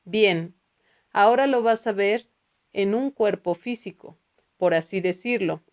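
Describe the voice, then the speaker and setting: A woman's voice: medium pitch, measured pace, natural voice. A woman voicing a soothing, reassuring spiritual teacher in a read-aloud book.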